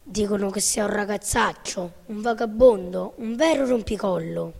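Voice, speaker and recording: A woman voicing a calm old man who sits outside his hut, in a storybook reading. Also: medium pitch, moderate pace, creaky, big-room sound, faint music behind.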